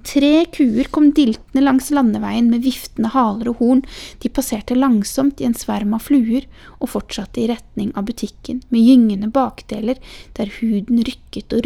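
A woman reading a story aloud in a calm, measured storybook narration. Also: on the high side, gravelly. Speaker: audiobook reader.

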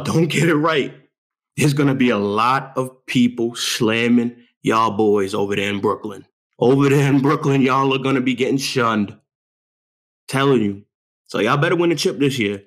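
A young man from New York hosting a talk show, ranting about his basketball team in an animated, boastful way with lots of street slang. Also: mid-range voice. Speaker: show host. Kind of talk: hyped sports talk monologue.

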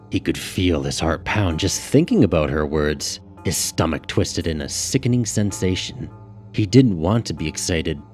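Male narrator, very low voice, measured audiobook read, faint music under. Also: a little mellow. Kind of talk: scripted narration.

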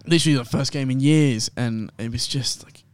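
Young man rambling excitedly on a podcast. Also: medium pitch, brisk, clear, resonant tone, dry recording. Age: young adult. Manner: rambling, excitable storytelling with many fillers. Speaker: guest host. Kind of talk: casual podcast chat.

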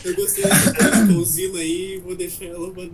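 A man's voice: high voice, animated, fairly quick, a crowd in the background. A man with a Brazilian Portuguese accent making teasing, slangy comments in casual banter.

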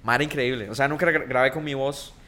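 Fast-talking Costa Rican man. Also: medium pitch. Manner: joking, slangy, animated. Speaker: guest, content creator. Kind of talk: casual podcast chat.

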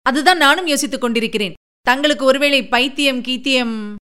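A woman's voice: high-pitched, pushed and bright, clear, resonant tone. Woman playing a fiery young princess. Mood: scornful. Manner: quick, indignant, arguing. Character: spirited young princess, sharp-tongued and proud.

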